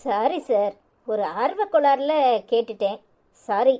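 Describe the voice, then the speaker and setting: A woman voicing a timid young nurse who speaks low and apologetically, with a Tirunelveli Tamil accent. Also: animated, measured pace, dark tone. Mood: apologetic.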